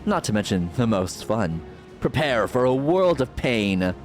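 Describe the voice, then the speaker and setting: A man voicing a haughty, mocking ancient sorceress from a game, speaking in slow theatrical villain menace. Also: mid-range voice, very animated, faint music behind. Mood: taunting menace. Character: haughty sardonic ancient sorceress villain, memory manifested, woman. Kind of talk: reading game dialogue aloud in character.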